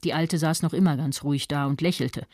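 A woman's voice: low-pitched, steady tone, a little fast, a little mellow, dry recording, clean studio sound. An actress playing a self-righteous middle-aged mother who narrates her story with prim indignation in a radio drama. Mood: indignant. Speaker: first-person narrator.

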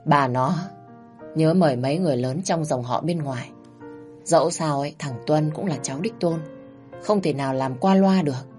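A woman narrator voicing a calm, practical older man of the house who speaks slowly. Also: sits low, faint music behind, natural voice.

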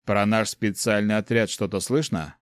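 A man's voice: fairly low pitch, steady tone, moderate pace, smooth, no room sound, clean studio sound, close to an everyday voice. A man voicing a curt gloomy emperor. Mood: stern. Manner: curt, displeased.

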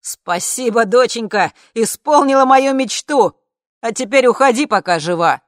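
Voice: mid-range voice, brisk, no echo, close to an everyday voice. A reader voicing a bitter, furious older mother who screams and scorns, in a dry studio reading. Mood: furious shouting. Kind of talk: audiobook character reading.

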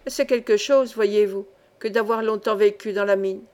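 A woman's voice: medium pitch, steady tone, normal speed, darkish tone, natural voice. A woman reading the lines of a young male miner with respectful, plain replies. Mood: earnest.

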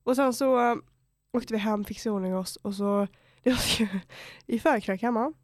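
Teenage girl, podcast host, slangy storytelling, fairly high pitch, dry close sound. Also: no room sound. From Borås, Sweden. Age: teenager under eighteen. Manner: animated anecdote-telling, full of slang, swearing and acted-out quotes. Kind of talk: casual storytelling chat.

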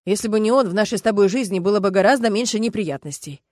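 A sardonic, teasing man, as a woman reads him in an audiobook, louder and a touch lower. Dry, close sound. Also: fast, no room sound, lightly acted. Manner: teasing, ironic. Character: sardonic male friend, teasing and sharp. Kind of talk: audiobook narration.

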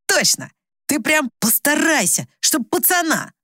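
Woman doing a hoarse, bossy village crone. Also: high-pitched, sing-song, unhurried, bright, forceful tone, no room sound, clean studio sound, voice pushed up, exaggerated voice. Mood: conspiring. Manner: blunt, scolding, crude. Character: coarse bossy older village woman, scheming.

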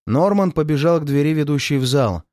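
Audiobook narrator, male, lively expressive reading, slightly higher voice. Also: a little fast, dry recording, clean studio sound. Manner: expressive storytelling. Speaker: audiobook reader. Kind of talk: scripted narration.

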